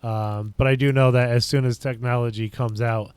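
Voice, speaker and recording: A man's voice: mid-range voice, steady tone, moderate pace, darkish tone, clean tone, no room sound. A man from upstate New York hosting a casual livestream, chatting with viewers and thinking aloud in loose, rambling sentences. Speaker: livestream host.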